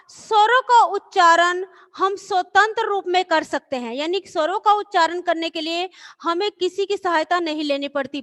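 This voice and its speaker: A woman teacher with a very high-pitched, fairly bright voice recites letters for children in an online class. Her recitation is slow, patient and drawn out as she explains.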